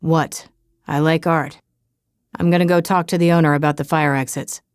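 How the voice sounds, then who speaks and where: A woman voicing a hulking, stoic male bodyguard in an audiobook, speaking in a deep monotone. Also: moderate pace, smooth, no echo, studio quality, close to an everyday voice. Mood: deadpan.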